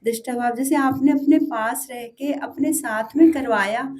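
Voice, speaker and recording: A woman's voice: high-pitched, unhurried, crowd noise. A woman devotee earnestly sharing her experience at a devotional gathering, often restarting as she searches for words. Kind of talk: heartfelt testimony at a devotional gathering.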